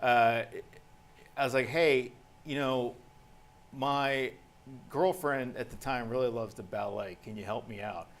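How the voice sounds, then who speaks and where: A man's voice: mid-range voice, measured pace, pauses often. A man hosting a panel, casually telling a long anecdote and acting out the dialogue of the people in it. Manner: animated, acts out quoted dialogue.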